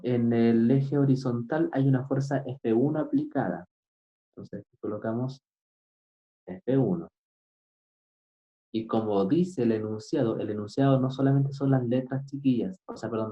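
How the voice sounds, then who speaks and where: A man teaching physics, explaining a problem step by step and often pausing to ask his students if they follow. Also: medium pitch. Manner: keeps asking "right?" to check understanding; patient, step-by-step. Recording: dull lo-fi recording.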